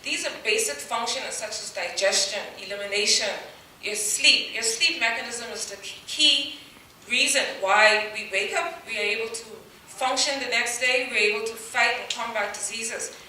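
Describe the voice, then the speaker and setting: A woman's voice: a little high, moderate pace, sharp tone, a little hiss or hum. A middle-aged woman from the Bahamas, a dentist giving an earnest public talk, stressing key words with frequent "um" fillers. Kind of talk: public presentation. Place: large hall, voice heard from afar. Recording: echoey hall from far off.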